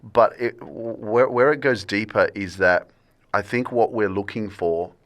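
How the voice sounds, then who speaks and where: A man's voice: lowish voice, a little slow. A man hosting a podcast, chatting casually and encouraging his guest with frequent affirmations. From Australia. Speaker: podcast host. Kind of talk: casual interview conversation.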